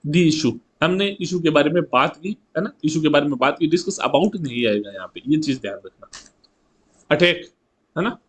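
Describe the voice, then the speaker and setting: A man teaching an exam-prep grammar lesson, chatty, asking rhetorical questions and reading example sentences slowly. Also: a little high.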